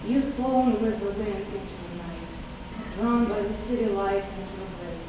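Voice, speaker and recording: A woman with a medium-pitched voice, her native language Russian, reads her own poem at an unhurried pace after introducing it. Her speech is emotional and halting, peppered with fillers. The noisy, echoey audio was captured at a distance in a reverberant hall.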